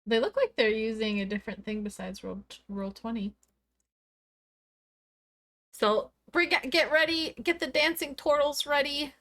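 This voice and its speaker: A woman's voice: a little high, unhurried, long pauses, a bit bright. A woman streamer in casual chat, upbeat, talking straight to her viewers. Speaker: streamer and player.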